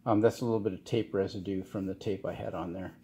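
A middle-aged man giving a casual workshop how-to, talking in a halting way with many fillers and restarts. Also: sits low, steady tone, dark tone. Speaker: channel host restoring cars. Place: home garage workshop, indoors.

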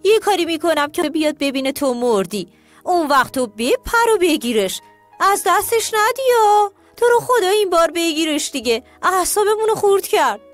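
A woman voicing a sly, scheming fox in a children's storybook, with a high, coaxing voice. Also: big pitch swings. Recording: soft music underneath.

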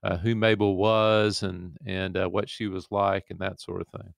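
A man co-hosts a podcast, asking his guest relaxed, easygoing questions. His voice is very low and gravelly, yet smooth and resonant, recorded close and dry. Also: normal speed, no echo. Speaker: podcast co-host. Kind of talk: casual interview talk.

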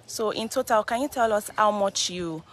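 Brisk Nigerian woman presenter. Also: mid-range voice, slight background noise. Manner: brisk prompting, many short "okay"s. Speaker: host. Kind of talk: live interview and walk-through.

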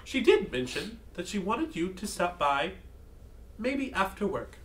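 A man voicing a hovering many-eyed hydrozoan bartender that speaks through a monotone translator. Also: sits high, a little slow, recorded from a distance, a little hiss or hum, pitched above the performer's own voice. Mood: polite. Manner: flat monotone.

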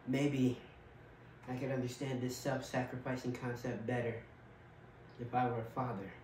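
A man performing a dramatic monologue as a grieving widower, bitter and heartbroken, with a measured, quiet, halting delivery. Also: medium pitch, level tone, slight background noise, natural voice. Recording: roomy echo, from far off.

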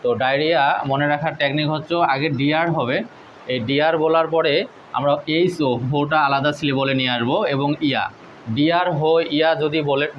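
A man's voice: mid-range voice, highs cut off, a little hiss or hum. Man teaching English spelling. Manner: spells words out letter by letter, slow and deliberate. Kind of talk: spelling lesson.

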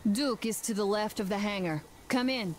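Woman acting an earnest, brisk young soldier woman. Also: medium pitch, heavy background noise, natural voice. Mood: businesslike. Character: capable young female soldier, affectionate, then briskly businesslike. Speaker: squad member giving a mission briefing. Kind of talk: video game voice acting.

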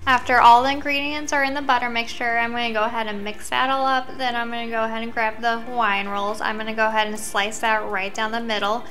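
Young female vlogger, friendly and chatty, slightly high voice, kitchen camera mic. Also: flat delivery, quick pace, few pauses, bright, forceful tone, faint music behind. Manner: chatty, friendly instructions with fillers. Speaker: lifestyle vlogger. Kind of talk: casual cooking tutorial. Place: home kitchen, indoors.

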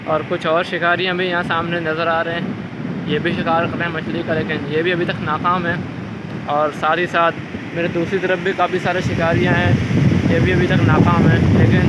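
Young male vlogger, phone at arm's length, flat delivery, heavy wind and surf noise on the mic. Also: high voice, lo-fi sound. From Pakistan. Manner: upbeat, repeatedly addresses viewers. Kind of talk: selfie vlog narration. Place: sandy beach outdoors, windy.

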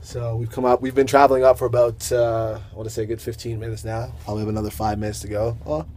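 A young man filming a travel vlog outdoors in the mountains on a selfie stick camera, excitable and whooping as he rides up and paraglides. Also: mid-range voice, fast talker, slight background noise. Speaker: travel vlogger. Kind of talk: casual vlog narration. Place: outdoors on a mountain, cable car then paragliding.

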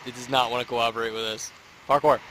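A young man hosting a casual let's-play, playful and quick to laugh. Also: mid-range voice, noisy background. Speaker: gaming channel host.

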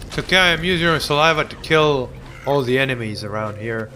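Over background noise, a young man jokes and rants his way through a let's play, goofy and sarcastic, humming and putting on mock voices. He sounds animated at a medium pitch and speaks a little fast.

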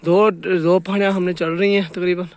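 On an outdoor wooded hill trail, a young man with a Pakistani Urdu accent talks chattily to his handheld phone while walking and climbing, narrating his hike as a vlogger. The voice is high-pitched and level, fairly quick, with no echo.

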